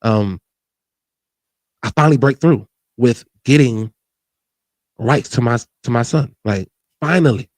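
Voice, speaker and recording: A man's voice: medium pitch, unhurried, pauses often, darkish tone, no room sound. A man in his forties talking candidly and earnestly about his own life, often restarting and adding "you know what I mean". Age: 40s. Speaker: show host. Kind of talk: candid personal talk.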